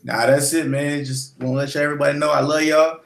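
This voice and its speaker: Rambling podcast co-host in an echoey room. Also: male voice, fairly high pitch, fast talker, vocal fry. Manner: rambling, relaxed, full of shout-outs and fillers. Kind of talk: casual podcast chat.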